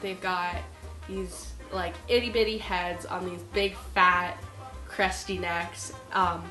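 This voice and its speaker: A woman's voice: medium pitch, a bit bright. Stuffy-nosed woman vlogging in an echoey room. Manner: chatty, rambling with frequent ums and likes. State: stuffy nose from a cold. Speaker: horse vlogger. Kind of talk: casual vlog. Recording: echoey room with music behind. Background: music playing.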